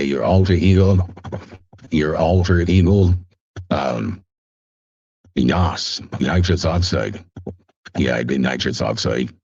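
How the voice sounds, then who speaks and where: Very deep gravelly man reading slowly. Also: a little mellow, no room sound, highs cut off. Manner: casual and profane, slow deliberate reading. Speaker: amateur novelist. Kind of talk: casual chat and reading his own book aloud.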